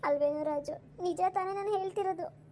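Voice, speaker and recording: A woman's voice: very high voice, fairly quick, warm tone, slight background noise. A woman voicing a fretful village mother in a cartoon, crying and pleading as she worries about her married daughter. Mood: anxious. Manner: weepy, pleading. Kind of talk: cartoon voice acting.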